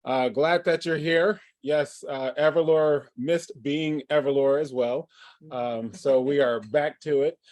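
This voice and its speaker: A man running a livestreamed tabletop game as game master, halting and full of fillers and restarts. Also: fairly high pitch, fairly even intonation, darkish tone, no room sound.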